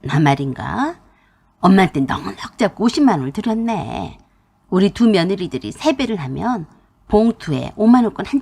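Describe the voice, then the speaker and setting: A woman's voice: mid-range voice, gravelly, darkish tone. A woman doing a bossy, nagging middle-aged sister-in-law. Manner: domineering and nagging.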